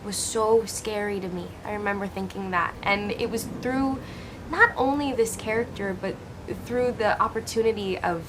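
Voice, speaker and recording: A woman in her twenties from Hawaii, an actress, answers interview questions earnestly and expressively, often restarting her sentences. Her voice sits at a medium pitch and moves at a moderate pace. The background is noisy.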